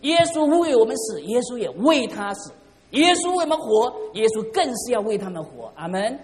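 A man's voice: high voice, sing-song, normal speed, slight background noise. A middle-aged man preaching a sermon as pastor, fervent and calling out to the congregation for responses. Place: church hall. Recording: reverberant church hall.

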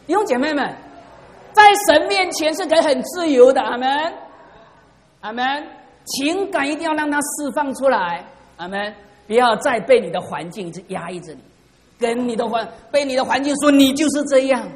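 A man's voice: extremely high pitch, expressive, moderate pace. A middle-aged man preaching a sermon as pastor, fervent and calling out to the congregation for responses. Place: church hall. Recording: reverberant church hall.

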